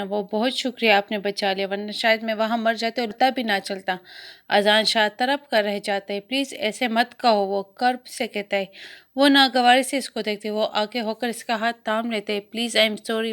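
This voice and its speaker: A woman's voice: fairly high pitch, fairly bright tone. A woman with a Pakistani Urdu accent reading a romance novel aloud, voicing the dialogue as she goes and sometimes restarting a word. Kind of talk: storybook narration with voiced dialogue.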